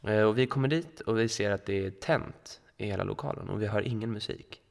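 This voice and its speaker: Gravelly young man telling a rambling story. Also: lowish voice, long reverb tail. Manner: rambling anecdote with many fillers and quoted dialogue. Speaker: podcast co-host. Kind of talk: casual storytelling chat. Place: school room.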